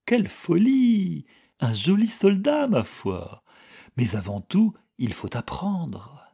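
Guy voicing an old count in an audiobook, slow, lively rise and fall. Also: high-pitched, vocal fry, husky, full character voice. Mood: scolding. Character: old emotional patriotic count, a father. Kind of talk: audiobook dialogue reading.

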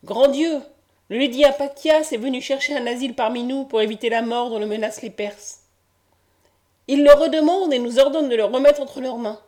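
A woman's voice: high voice, normal speed, a little mellow, close to an everyday voice. A woman reading the part of a male Greek citizen solemnly petitioning a god in a historical audiobook.

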